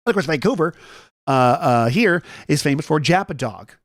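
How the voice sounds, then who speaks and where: A man's voice: a little high, expressive, normal speed, no echo, studio quality. A man hosting a casual morning chat stream, rambling through stories and joking with viewers as he reads their comments. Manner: rambling, chatty, jokey asides to viewers. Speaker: host.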